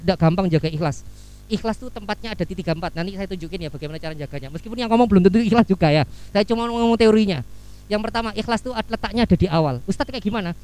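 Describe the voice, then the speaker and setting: A man giving a lively sermon, acting out everyday scenes and mixing in phrases. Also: high voice, low-quality recording. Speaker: Islamic preacher. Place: office hall.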